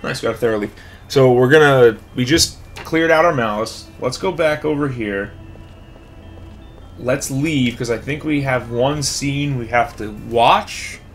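Dude talking thru a game, rambly, lots of ums, thinking out loud. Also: male voice, medium pitch, unhurried, soft background music. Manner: rambling, thinking aloud with fillers. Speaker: let's play host. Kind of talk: casual gameplay commentary.

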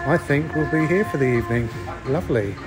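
An older man with a fairly high, lively voice speaks fast and chats casually while filming a travel vlog at an outdoor beach restaurant, walking and eating as he goes. The host records on a handheld phone camera, so the outdoor audio picks up background music.

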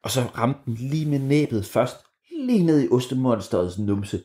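A man's voice: medium pitch, expressive, mellow. A man improvising a bedtime story for children, narrating playfully and animatedly with sound effects and ums.

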